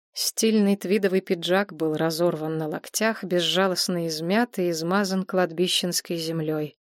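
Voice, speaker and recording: A woman narrating an audiobook in an even, wry storytelling manner. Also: medium pitch, no echo, studio quality. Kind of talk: scripted narration.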